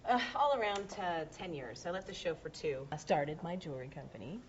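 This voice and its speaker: A woman's voice: fairly low pitch, big pitch swings, a little fast, a little hiss or hum. A woman in her thirties, an actress, chatting casually and giggling as she gives a tour backstage at a television studio. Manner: chatty and giggly, with playful asides. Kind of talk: casual guided tour chat. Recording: slightly dull web video audio.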